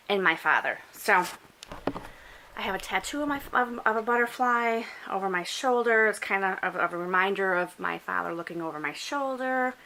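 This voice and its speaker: This booktuber, a middle-aged woman from upstate New York, has a mid-range voice with a sharp tone. She narrates a casual, chatty bookshelf tour of her home library with plenty of fillers and self-corrections, filmed on a handheld camera with poor audio quality.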